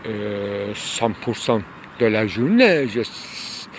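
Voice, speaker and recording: A man musing aloud in a rambling monologue, hesitant and full of pauses and fillers, outdoors near a tunnel. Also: fairly low pitch, animated. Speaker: lecturer. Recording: loud traffic noise behind.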